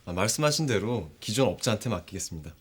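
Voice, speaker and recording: A man's voice: on the low side, lively intonation, quick pace, a little hiss or hum, lightly acted. A man playing a courteous, businesslike company director in a Korean TV drama, speaking politely and formally. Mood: deferential.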